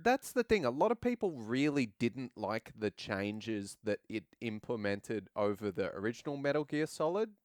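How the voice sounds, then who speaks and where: Male podcast host, smooth clear voice, dry close sound, enthusiastic chatter. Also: mid-range voice, normal speed, hardly any pauses, no room sound. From Australia. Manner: animated, enthusiastic, acts out his own reactions. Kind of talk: casual chat.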